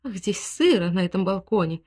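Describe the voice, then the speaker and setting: A woman voicing a capricious, theatrical wife who speaks in high, shrill, dramatic exclamations. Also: animated, fairly quick, a little mellow, close to an everyday voice. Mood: triumphant.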